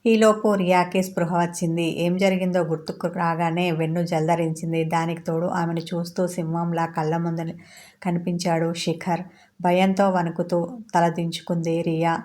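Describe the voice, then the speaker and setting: A woman narrates a romance story aloud in a scripted reading. Her voice sits a little low. She reads in a steady, even way, with very little melody.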